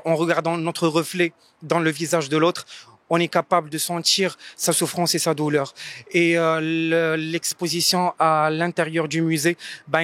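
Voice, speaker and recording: A man speaking for a museum in a halting interview statement with frequent fillers and restarts. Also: a little high, a bit bright, no echo.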